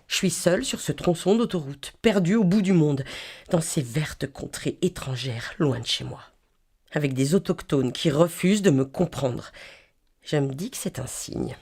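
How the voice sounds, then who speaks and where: A woman's voice: on the low side, a little mellow. A French-speaking woman reading a humorous first-person column in a wry, playful way, miming sounds and accents.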